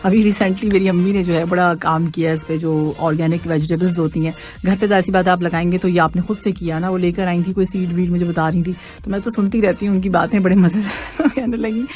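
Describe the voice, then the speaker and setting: A woman's voice: fairly low pitch, steady tone, brisk, hardly any pauses, a little mellow, faint music behind. Chatty radio host woman who laughs a lot. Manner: chatty, laughs often, mixes in English words. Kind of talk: casual radio chat reading listener messages. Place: radio studio.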